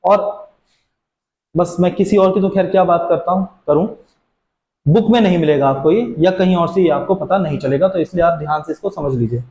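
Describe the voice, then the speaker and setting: A man's voice: high-pitched, moderate pace, warm tone, echoey room, highs cut off. A man teaching an English grammar lesson to students, explaining patiently and answering his own questions.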